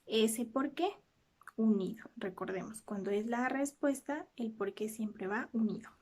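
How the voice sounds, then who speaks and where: A woman teacher explains a lesson step by step, pausing now and then to check her students are following. Her voice is slightly high and mellow in tone. She sounds like a patient classroom guide.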